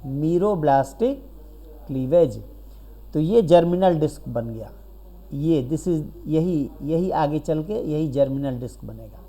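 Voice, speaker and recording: A man's voice: a little high, lively intonation, unhurried, warm tone. A man giving a biology lecture who explains step by step, asks questions and answers them himself, and keeps checking in with his students. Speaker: biology teacher. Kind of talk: recorded classroom lecture.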